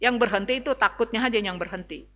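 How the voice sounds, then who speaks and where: A woman pastor delivers a sermon in a casual, conversational manner and keeps turning to speak to her congregation. Her voice is bright and somewhat high. The sound carries a long reverb from the church hall. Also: fast talker. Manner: conversational preaching, often addressing the congregation as brothers and sisters.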